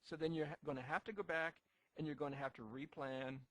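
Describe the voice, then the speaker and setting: A man delivers a recorded lecture in a slightly high voice, stressing his points with emphatic repetition. The sound is close and completely dry. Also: fairly even intonation, a little fast, no echo, poor audio. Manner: emphatic, repetitive, acts out short quotes. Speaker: instructor.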